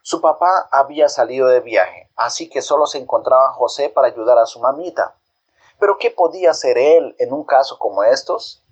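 A man telling a Bible story to children in a gentle, expressive reading voice, then posing questions. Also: mid-range voice, moderate pace, breathy edge.

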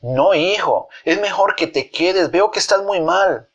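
A caring mother bee, gentle but firm with her lazy son, as a man telling the story puts her on. Her voice sits a little higher than the narration, in a storybook manner. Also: expressive, unhurried, lo-fi sound, heavily acted.

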